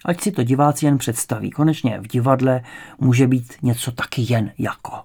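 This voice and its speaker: A man reading a novel aloud as an audiobook narrator, in measured storytelling narration. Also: mid-range voice, vocal fry, darkish tone, husky. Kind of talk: scripted narration.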